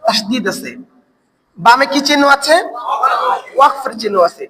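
A man with a very high voice leads a recitation lesson, quizzing his class and answering himself before drilling each word again. A crowd of learners can be heard behind him. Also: expressive, normal speed, poor audio. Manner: asks the class questions and answers them himself, repeats words to drill pronunciation. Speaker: Quran recitation teacher. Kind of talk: online Quran recitation class.

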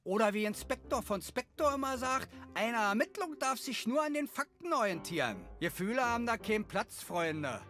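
A pompous young cartoon detective in a German dub. The voice is bright and very animated, full of earnest, theatrical self-importance. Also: male voice, extremely high pitch, moderate pace, few pauses, faint music behind, heavily acted. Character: pompous, overdramatic amateur detective, young male, earnest and excitable.

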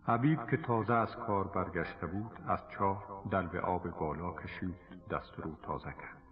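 Deep-voiced man narrating over music on radio. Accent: Afghan Dari. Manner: slow, measured, literary. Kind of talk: scripted story narration. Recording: tinny old radio broadcast with reverb and music.

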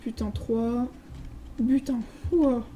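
A woman's voice: a little high, steady tone, drawn-out words, warm tone, a little hiss or hum, rough recording. A French woman giving a casual, hesitant commentary while touring a game server, reading signs aloud with lots of filler sounds. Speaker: gaming video creator.

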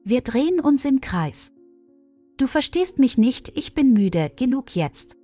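A woman's voice: high-pitched, very animated, measured pace, mellow, soft background music, pitched above the performer's own voice, exaggerated voice. A woman voicing a tired, worn-out male surgeon arguing with his wife. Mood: weary. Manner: pleading, worn-out.

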